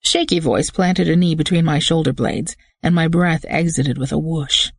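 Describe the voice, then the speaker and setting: An audiobook narrator reading a first-person thriller with steady, tense storytelling. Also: medium pitch, moderate pace, creaky, breathy edge, no echo.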